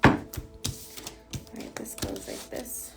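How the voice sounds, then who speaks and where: A woman with a cold-stuffed voice does a tarot reading in a relaxed, rambling, chatty way, filling it with frequent fillers. She speaks slowly in a slightly mellow voice, with faint music behind her.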